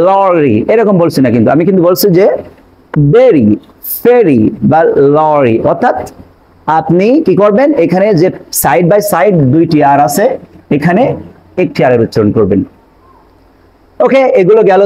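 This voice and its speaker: A man teaching English pronunciation in an online lesson, explaining step by step and repeating examples slowly. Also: high voice, a little mellow, lo-fi sound.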